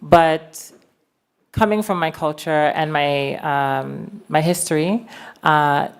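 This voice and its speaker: A woman from the United States, a pageant contestant giving a measured, explanatory stage speech. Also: low-pitched, clean tone.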